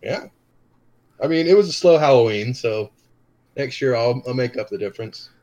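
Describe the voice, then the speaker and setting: Man, podcast co-host, casual chat, deadpan humor, mid-range voice. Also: medium pitch, normal speed, dull audio. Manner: dry, deadpan jokes.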